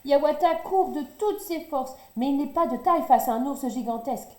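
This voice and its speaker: A woman reading a children's story aloud in a lively, expressive way. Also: high-pitched, normal speed. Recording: roomy echo.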